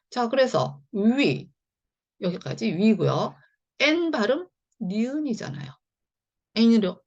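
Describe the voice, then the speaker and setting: A woman's voice: medium pitch, gravelly, breathy edge. A woman teaching English phonics in a chatty, step-by-step online lesson. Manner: chatty, repeats "자" and "네" often, explains step by step.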